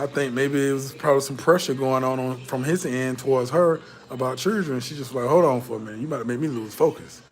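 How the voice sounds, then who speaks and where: A vlogger rambles through casual commentary to camera in a mid-pitched male voice. He's blunt and profane and leans on "you know" over and over. His delivery lurches between loud, pushed emphasis and low, muttered asides.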